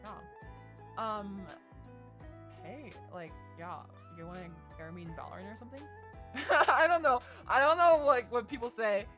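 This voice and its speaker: A woman's voice: normal speed, sharp tone. A young woman streaming with a voice changer filter on, so she sounds like a man trying to sound like a girl. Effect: voice changer filter that pitches her voice down. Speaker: VTuber streamer. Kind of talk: casual streaming chat. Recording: stream with music in background.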